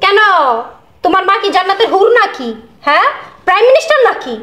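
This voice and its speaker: A woman playing a cruel young wife who shouts insults and sneers at her husband and mother-in-law in a skit. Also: very high-pitched, lively intonation, fast, echoey room. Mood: scornful.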